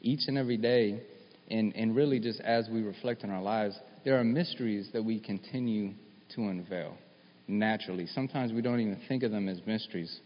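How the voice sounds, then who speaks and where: A man preaching a sermon in an animated way, often building to emphatic bursts and restarting his sentences. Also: on the low side, brisk. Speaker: pastor. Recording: dull sound with long hall reverb.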